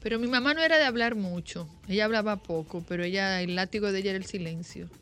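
A bright-toned middle-aged woman from the Dominican Republic speaks in a casual, reflective chat, often dropping her voice low as she remembers. Her pitch sits mid-range, with soft music playing faintly behind. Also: quick pace.

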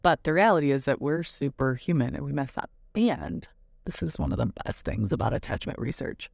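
A woman's voice: rumbling low, lively intonation, fairly quick, gravelly, darkish tone, no echo, studio quality. A woman hosting a parenting podcast, telling a personal story in a candid, reflective, casual way.

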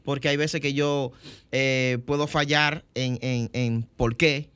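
A man's voice: medium pitch, flat delivery, slow, a bit bright, smooth, dry recording. A man being interviewed as a voice actor, answering casually and hesitantly, often repeating words. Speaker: voice actor guest.

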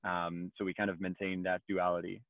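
Guest, male, French accent, measured talker; low voice, dead-dry, band-limited remote line. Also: flat delivery, no room sound. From France. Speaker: guest, startup co-founder. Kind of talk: podcast interview. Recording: tinny phone-like remote line.

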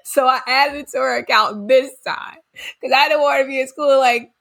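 A woman's voice: high-pitched, normal speed, creaky, a bit bright. Giggly woman in casual parenting chat. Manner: laughs often, fillers like "like". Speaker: co-host.

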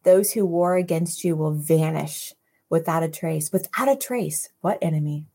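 A woman leads a devotional Bible teaching, reading scripture aloud and pausing to reflect. Her voice is mellow, low-pitched and a little breathy. She speaks at an unhurried, lingering pace. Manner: slow, reflective, pausing to exclaim over verses.

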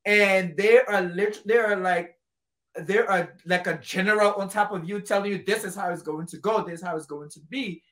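A woman from Liberia in casual conversation, animated and emphatic, repeating phrases to drive a point home. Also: mid-range voice, moderate pace. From Liberia, West Africa. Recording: roomy echo.

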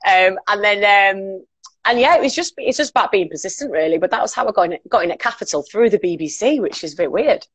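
Her medium-pitched voice is fast, lively in intonation and a touch rough, with no room sound. She's a Northern English woman in her late twenties, a radio presenter who's a guest here, telling anecdotes in an informal chat.

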